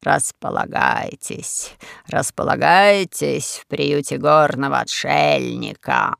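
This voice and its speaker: A man's voice: fairly high pitch, slow, gravelly, fairly bright tone, no echo, clean studio sound, voice pushed down, full character voice. A man voicing a sly, pompous old male castle lord in an audiobook, drawling each word with mock courtesy. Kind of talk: audiobook character voice.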